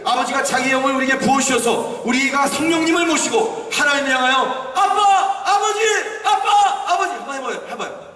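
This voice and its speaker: Older male pastor, passionate sermon delivery, echoey sanctuary sound. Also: very high voice. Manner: fervent, rising to shouts, calls for amens. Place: church sanctuary. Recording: echoey hall, distant mic.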